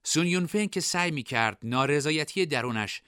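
A man narrating a novel as an audiobook, with expressive, varied storytelling. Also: a little high, clear, resonant tone, dry recording, clean studio sound. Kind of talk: scripted narration.

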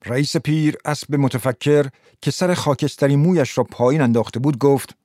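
A man narrating a literary story in a measured reading voice. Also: medium pitch, a little mellow, dry recording, clean studio sound.

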